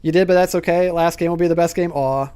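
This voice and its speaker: A man's voice: fairly high pitch, fairly even intonation, fast talker, warm tone, smooth. A young man streaming a game late at night, talking casually to his chat while he plays and often laughing. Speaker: gaming streamer. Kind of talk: live-streamed gameplay commentary.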